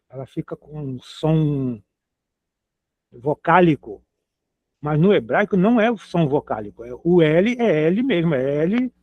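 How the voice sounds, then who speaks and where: A man's voice: on the high side, no room sound. A man teaching a language lesson, patiently spelling out letters and repeating each word. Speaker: Hebrew teacher. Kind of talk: slow explanatory lesson. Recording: dry, tinny phone-like sound.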